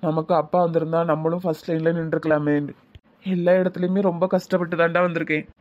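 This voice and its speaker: A man's voice: a little high, flat delivery, fast talker, lo-fi sound, lightly acted. A man voicing a troubled, jobless young man in a cartoon, with heavy, regretful talk in a Tirunelveli Tamil accent. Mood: hurt. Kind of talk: cartoon voice acting.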